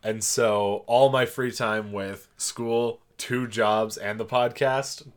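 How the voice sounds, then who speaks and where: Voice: mid-range voice, steady tone, slow. A podcast co-host chatting in an offhand, joking way. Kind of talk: casual podcast chat.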